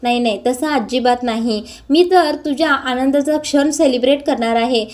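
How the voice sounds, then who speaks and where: A woman's voice: sits high, normal speed, a little mellow, close to an everyday voice. A woman voicing a scheming older sister who taunts her brother in a mock-sweet way. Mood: sly, taunting.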